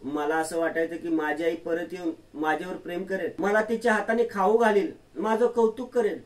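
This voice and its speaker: A man's voice: fairly even intonation, normal speed, distant mic, close to an everyday voice. A man voicing a grief-stricken young woman who pleads through tears, set back from the mic. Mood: tearful. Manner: high, tearful pleading.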